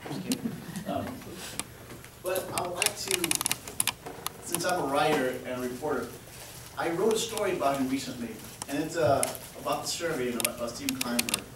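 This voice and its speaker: A man's voice: fairly high pitch, normal speed. A man in his fifties from Texas, hosting and introducing a presentation to an audience in a friendly, joking way, sometimes repeating words. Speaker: event host and presenter. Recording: echoey hall from far off, with noise.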